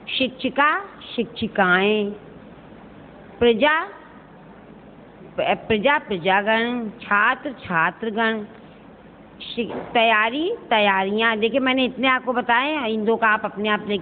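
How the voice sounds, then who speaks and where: A woman, a Hindi school teacher, works through a worksheet for her students, explaining each answer step by step and often asking whether they understand. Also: medium pitch. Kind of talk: recorded online lesson going through a worksheet. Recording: echoey, tinny phone-like recording with faint hiss.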